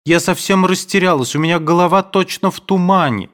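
A male narrator puts on a fretful young woman from a classic novel, her voice lifted high and pleading. She sounds bewildered and breathless, as if torn inside. It is an audiobook reading with a single voice doing all parts. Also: normal speed, fairly bright tone.

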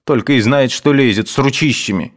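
A man doing a scolding sharp-tongued housekeeper. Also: medium pitch, fairly quick, pitched above the performer's own voice, lightly acted. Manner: scolding, snapping.

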